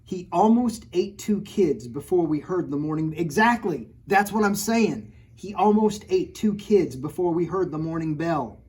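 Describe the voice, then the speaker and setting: A man with a high, darkish, slightly breathy voice reads his own picture book to children at storytime, going a little slowly and rarely pausing. He's animated and playful, joking straight to the kids and acting mock-outraged at his own story.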